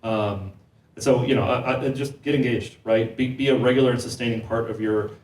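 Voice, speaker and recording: A man talks through ideas at a live panel, often repeating words as he finds his footing. He sounds like he is a few steps from the mic. The room adds a clear echo. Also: mid-range voice, steady tone, darkish tone. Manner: quick, repeats words while thinking. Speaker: panel speaker on housing policy. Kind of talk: conversational panel discussion. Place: event hall. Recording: echoey room, mic heard from a distance.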